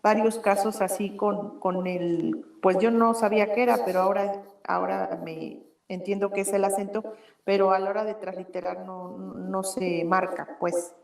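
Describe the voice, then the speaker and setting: A woman's voice: medium pitch, fairly even intonation, moderate pace, creaky, a little mellow, echoey room. A woman student asking questions in class, hesitant and correcting herself as she goes.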